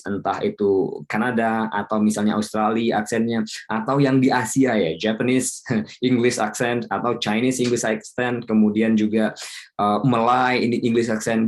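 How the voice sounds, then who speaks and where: Chatty teacher, low voice. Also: male voice, a little mellow. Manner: chatty, mixes English into explanations, laughs often. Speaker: IELTS teacher. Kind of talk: casual online lesson.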